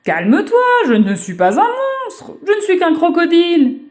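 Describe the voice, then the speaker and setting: A woman voicing a gentle, kindly male crocodile in a storybook reading, speaking in a soothing, reassuring way. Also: very high voice, huge pitch swings, unhurried, voice pushed up, heavily acted.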